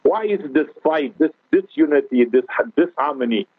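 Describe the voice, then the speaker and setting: Speaking with a South African accent, a male guest scholar gives an earnest religious radio talk, often turning to the host. His slightly high voice is animated and gravelly with a breathy edge, at a moderate pace. There's no room sound, though the broadcast itself is tinny, like a phone line.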